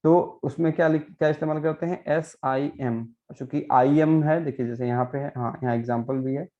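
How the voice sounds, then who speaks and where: A Portuguese language teacher leads a pronunciation lesson, patiently repeating words slowly and often checking in with students using "है ना". His voice is a little high, steady, and mellow, and the recording sounds muffled.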